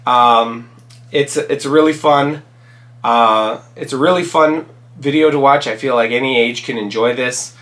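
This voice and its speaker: In casual solo commentary on his own channel, a man runs through the movies he loves, his voice mid-range, fairly bright, and raspy from a cold. He tends to ramble, start sentences over and pause with ums.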